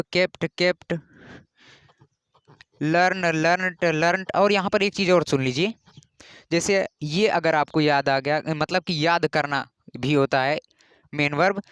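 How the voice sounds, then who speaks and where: A man from India teaching English grammar in a patient classroom style, repeating key rules and spelling words out slowly. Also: a little high, fairly bright tone, smooth, dry recording.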